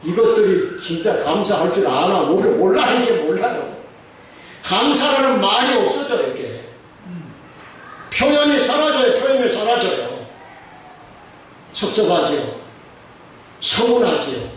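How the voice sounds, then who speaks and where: A man's voice: high voice, big pitch swings, measured pace, pauses often, slight background noise. A middle-aged male pastor preaching a sermon, putting many questions to the congregation and repeating his phrases. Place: church sanctuary. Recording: very echoey church hall from far off.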